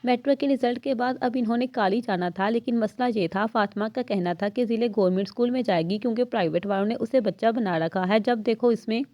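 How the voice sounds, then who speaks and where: A woman reading a novel aloud in steady storytelling narration. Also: on the high side, brisk, hardly any pauses, dry recording.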